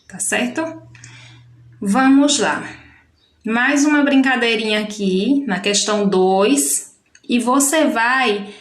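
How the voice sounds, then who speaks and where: A woman teaching a children's workbook lesson with Brazilian Portuguese speech, patiently slowing down to spell out syllables. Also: a little high, a bit bright. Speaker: primary school teacher. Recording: echoey room.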